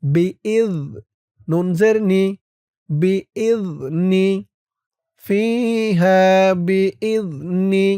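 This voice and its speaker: Recitation teacher, male, Bangladeshi Bengali accent, smooth resonant voice, drawn-out patient spelling. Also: sits high, warm tone, no room sound, studio quality. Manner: slow, spells each syllable, then chants the words drawn out. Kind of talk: letter-by-letter Quran reading lesson.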